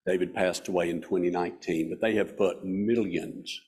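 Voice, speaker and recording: Low, husky Southern Appalachian man. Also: steady tone, normal speed, darkish tone. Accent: Southern Appalachian mountain. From Southern US mountains. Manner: folksy, self-deprecating. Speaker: guest speaker. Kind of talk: informal club speech. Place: hall stage at a podium. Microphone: podium microphone.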